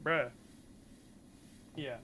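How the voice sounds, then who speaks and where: An American livestream host talks casually and responds to chat, reading messages and answering them in a profane, slangy, rambling style. He speaks extremely slowly with a sharp tone, and there's slight background noise.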